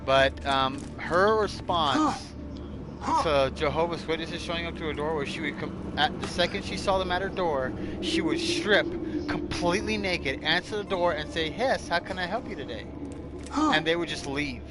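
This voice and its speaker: A man's voice: on the high side, normal speed, background noise. A man chatting casually and ranting in a blunt way, swearing heavily. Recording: loud music behind the voice. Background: loud music.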